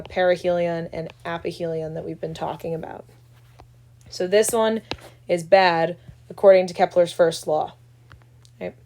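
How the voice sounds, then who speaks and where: A woman's voice: medium pitch, darkish tone. A young woman, teaching an astronomy lab tutorial in a loose, chatty way and often asking "right?". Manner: chatty, loose, full of "right?" check-ins. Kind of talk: casual screen-recorded tutorial.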